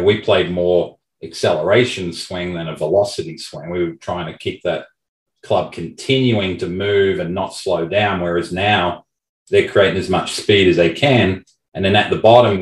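A man's voice: low-pitched, echoey room, far from the mic, low-quality recording. A man with an Australian accent, a golf coach hosting a podcast, explaining things in a confident manner. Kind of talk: casual interview chat.

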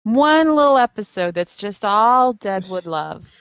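A woman's voice: medium pitch, expressive, unhurried, smooth. A woman joining a casual chat as a panelist, playful and teasing. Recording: dry, dull lo-fi sound.

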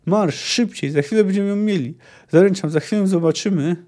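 Male mercenary boss, put on by a man, impatient, barking, raised pitch, mellow tone. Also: fairly quick, natural voice. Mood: scornful. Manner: scornful, barking orders.

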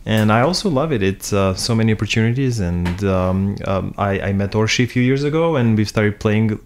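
A man from Serbia with a Serbian accent, chatting in measured, hesitant phrases as a musician guest in a living room interview. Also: on the low side, expressive. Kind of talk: casual interview chat.

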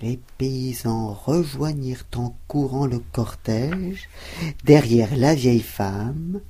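A woman telling a bedtime story to children in slow, expressive storybook narration. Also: very deep voice, slightly rough.

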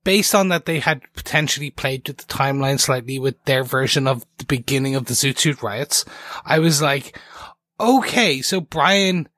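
A man's voice: mid-range voice, normal speed, fairly bright tone, no echo, clean studio sound. A man co-hosting a podcast, chatting casually about a TV episode in a rambling, enthusiastic way that keeps restarting. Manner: rambling, enthusiastic, self-interrupting. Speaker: podcast co-host. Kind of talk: casual TV recap chat.

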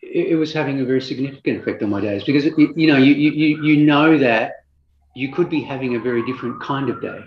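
A man's voice: mid-range voice, fast, a little hiss or hum. Man on an echoey, muffled line. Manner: reflective, repeats words when searching for them. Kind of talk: casual chat.

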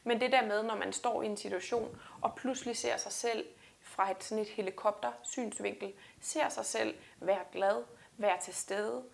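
A woman's voice: medium pitch, steady tone, creaky. A woman weightlifter talking earnestly and reflectively in a casual interview, often restarting her sentences. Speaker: guest weightlifter.

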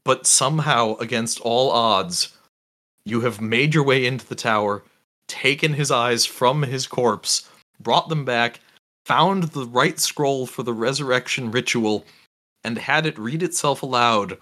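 A man narrating a tabletop game as game master, relaxed and halting, with many fillers and restarts. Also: mid-range voice.

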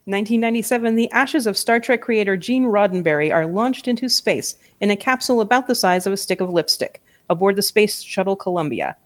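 A woman's voice: medium pitch, expressive, fairly quick, few pauses. A woman co-hosting a podcast, reading historical trivia and adding wry quips. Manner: wry quips after facts. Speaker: podcast co-host.

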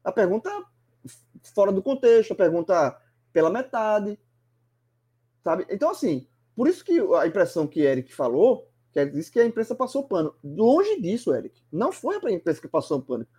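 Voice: medium pitch, big pitch swings, fairly quick, warm tone, slightly rough. A sports commentator, talking animatedly and emphatically in a casual sports chat, often restarting words.

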